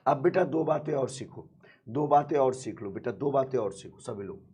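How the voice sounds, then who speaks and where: A man's voice: medium pitch, animated, moderate pace, warm tone, breathy edge. A male math teacher with a sore throat, teaching a live online class, keeps asking students questions and calling them "beta".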